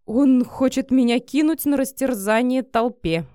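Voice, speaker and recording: A woman's voice: sits high, expressive, moderate pace, mellow, no room sound, studio quality, pitched above the performer's own voice. A woman voicing an anxious, hurt young office worker in an audiobook, speaking plaintively and defensively. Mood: distressed.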